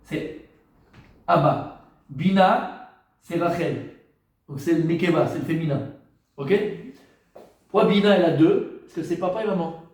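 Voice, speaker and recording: A man, a rabbi, teaching a class in lively style, often asking questions and answering them himself. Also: a little high, unhurried, long pauses. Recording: echoey room.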